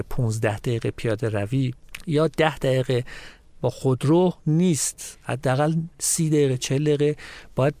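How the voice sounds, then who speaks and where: A man's voice: mid-range voice, dark tone, no room sound. A man from Mashhad, a guest on a studio talk show, explaining local culture and reeling off long lists of places and words. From Mashhad, Iran.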